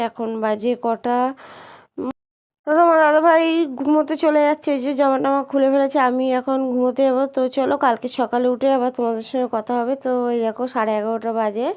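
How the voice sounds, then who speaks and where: A young woman with a cold, her voice hoarse and heavy, narrates her day to viewers in a casual vlog. She speaks softly and a little downcast, and her pitch sits high. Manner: soft, subdued voice addressing viewers. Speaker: vlogger.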